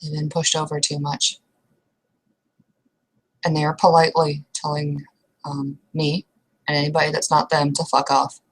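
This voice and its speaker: In poor audio, a young woman plays out an improvised roleplay in character, her low, husky voice completely flat. She speaks at normal speed but with long pauses, sounding casual and hesitant, restarting sentences, trailing off and swearing mildly.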